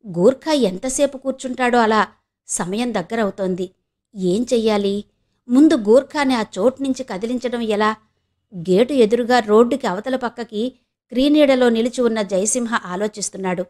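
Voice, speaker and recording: A woman from Andhra Pradesh narrating an audio novel in a steady storytelling way. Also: on the high side, moderate pace. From Andhra Pradesh, India.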